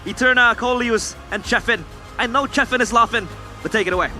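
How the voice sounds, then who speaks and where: Excitable high-voiced esports caster man. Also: brisk, soft background music. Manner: excitable, breathless. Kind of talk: play-by-play commentary.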